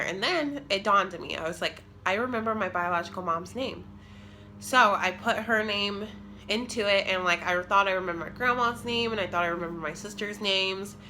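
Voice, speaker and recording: Sitting on the floor of her living room, a twenties vlogger with a cold rambles through a personal story, casual and filler-heavy, her voice nasal and congested. It is medium-pitched, pushed and bright, with a little hiss or hum in the audio.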